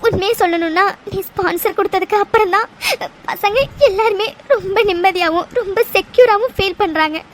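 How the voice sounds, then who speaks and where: A woman voicing an emotional young woman in a cartoon love story, halting and tearful as she thanks her fiancé. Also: very high-pitched, a bit bright, a little hiss or hum. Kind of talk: cartoon voice acting.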